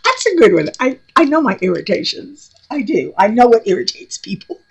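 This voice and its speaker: This middle-aged woman from New York has a high-ish, very animated, slightly rough voice and talks fairly quickly. Vlogging from her home craft room in a New York accent, she chats casually and bluntly, laughing frequently.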